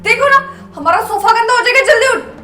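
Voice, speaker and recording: A woman's voice: extremely high pitch, animated, fairly quick, pushed and bright, soft background music. A young woman acting in a scripted skit, talking in a scornful, scolding, arrogant way. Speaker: actress in a short drama.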